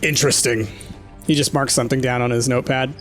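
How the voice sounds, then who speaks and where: A man's voice: mid-range voice, flat delivery, quick pace, a bit bright, soft background music. A man narrating as game master in a tabletop roleplaying game, with a playful manner.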